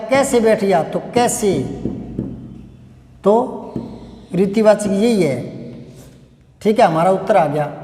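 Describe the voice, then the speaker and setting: A man's voice: high-pitched, a little mellow. A male teacher giving a grammar lesson, working through each example by asking questions and answering them himself. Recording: echoey room with long reverb.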